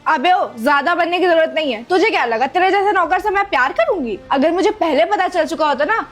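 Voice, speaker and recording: A woman playing a scornful, very high-voiced rich girl. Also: animated, brisk. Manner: contemptuous, insulting, scolding. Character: arrogant young woman scorning a poor servant. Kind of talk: scripted skit acting.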